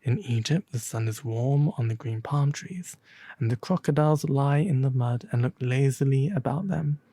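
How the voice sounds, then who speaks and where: A man voicing a kindly, earnest little swallow in a storybook, soft and breathy, wistful and gentle. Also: medium pitch, normal speed, no echo, natural voice. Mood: wistful farewell.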